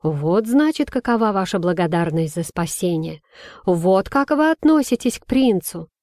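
A woman's voice: mid-range voice, very animated, normal speed, darkish tone, no echo, lightly acted. Woman reading as a haughty young prince, petulant, sulky, spoiled, dry close sound.

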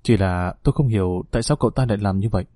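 A man's voice: fairly low pitch, very fast, dark tone, no room sound, studio quality, pitched below the performer's own voice, close to an everyday voice. A man voicing a shaken middle-aged father who explains himself earnestly and apologizes.

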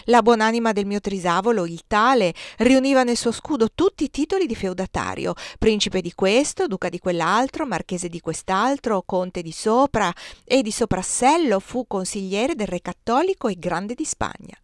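A woman's voice: lowish voice, completely flat delivery, slow, vocal fry, hardly any pauses, no echo, studio quality. A woman reading aloud, voicing a haughty noblewoman nun who proudly boasts of her ancestry. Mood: boastful. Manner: proud, scornful, emphatic.

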